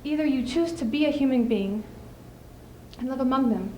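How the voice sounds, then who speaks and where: Here a young adult speech team student takes the stage at an indoor school showcase, voicing a spirited, scheming widow in a high, slightly mellow voice close to her everyday one. She is emphatic and earnest, reflective in mood, and leaves deliberate theatrical pauses throughout the monologue. Background noise is clearly audible in the echoey room.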